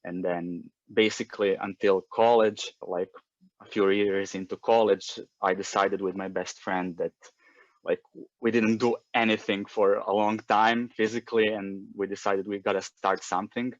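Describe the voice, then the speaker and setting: Croatian man, 30s, very low voice, halting delivery with fillers. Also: fairly even intonation, dry recording, muffled recording. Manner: hesitant, many fillers and restarts. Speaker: guest. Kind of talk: casual interview.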